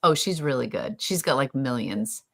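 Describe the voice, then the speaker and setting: A woman's voice: a bass voice, animated, normal speed, vocal fry. A woman co-hosting a casual live stream, chatty and enthusiastic, who laughs easily, talking over a video call. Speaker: co-host.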